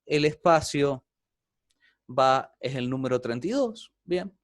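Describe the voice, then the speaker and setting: A man's voice: mid-range voice, lively intonation, slow pace, dry recording, studio quality. A man teaching an online programming class, explaining step by step and often checking in with the students.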